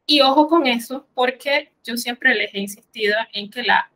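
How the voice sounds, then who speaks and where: A woman teaching a French vocabulary lesson, who says each French word slowly, then translates it and patiently explains the spelling. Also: fairly high pitch, bright, forceful tone, rough recording.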